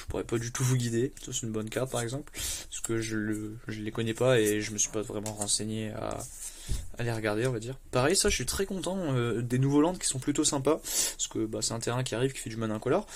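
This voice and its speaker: A man's voice: mid-range voice, a little hiss or hum. Chatty man opening card packs. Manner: chatty, with lots of fillers and bursts of excitement; stumbles over English card names. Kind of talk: casual unboxing commentary.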